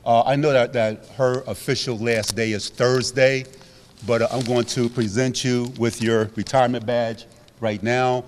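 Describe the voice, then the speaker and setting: A man's voice: mid-range voice, flat delivery, a little slow, long reverb tail, a little hiss or hum. A man, a city official, presenting a retirement badge in casual, rambling ceremonial remarks.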